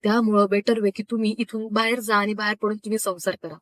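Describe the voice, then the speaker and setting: A woman's voice: mid-range voice, flat delivery, fast talker, dry recording, close to an everyday voice. A woman voicing a protective elder brother, serious and caring, giving earnest advice.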